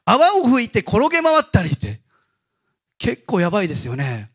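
A male pastor giving a Sunday sermon, telling stories in a casual, animated way. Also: high-pitched, normal speed, husky. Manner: animated storytelling with casual asides.

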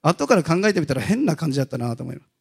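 Lively, high-voiced male pastor preaching. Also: rapid-fire, creaky, breathy edge. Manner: animated storytelling with casual asides. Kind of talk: sermon.

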